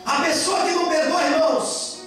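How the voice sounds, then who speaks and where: A man preaching a sermon as pastor, impassioned, swinging between loud and soft. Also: very high-pitched, fairly even intonation, moderate pace. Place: church hall in Japan. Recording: very echoey church hall, far from mic, faint music.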